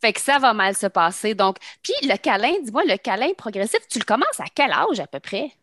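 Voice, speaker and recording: A woman with a Québécois French accent, co-hosting a podcast as a pediatric dietitian, talking thoughtfully and pausing to find her words. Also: medium pitch, big pitch swings, a bit bright, no room sound, clean studio sound. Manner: thoughtful, searches for words with fillers. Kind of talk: casual podcast chat.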